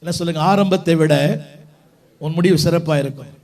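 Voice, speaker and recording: High-voiced Tamil pastor leading a call-and-response sermon. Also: male voice, steady tone, brisk, a little mellow. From South India. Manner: urges the congregation to repeat words aloud; mixes English phrases into his preaching. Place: church hall with a congregation.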